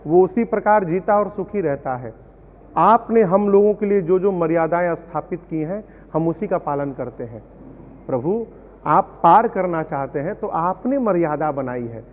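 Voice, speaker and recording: Male devotional storyteller with a high voice, explains verses through parables, heard as tinny audio from a reverberant hall. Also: lively intonation, unhurried. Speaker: Ramayana storyteller. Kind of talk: devotional discourse with sung verses.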